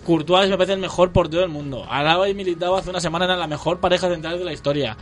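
A man in a casual football chat, opinionated and animated, speaking as a fan. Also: high voice, rapid-fire, soft background music.

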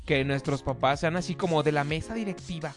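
A man's voice: fairly high pitch, a little fast, faint music behind. A man with a Mexican accent, co-hosting a radio show in casual banter, joking and acting out his parents' voices. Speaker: radio co-host.

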